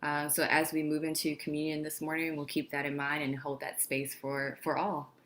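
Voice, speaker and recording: A woman's voice: sits low, completely flat delivery, moderate pace, fairly bright tone. A woman co-hosting a church service, giving a casual, friendly welcome to people watching the stream, with a few "uh"s. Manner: friendly, with filler "uh"s. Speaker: service co-host.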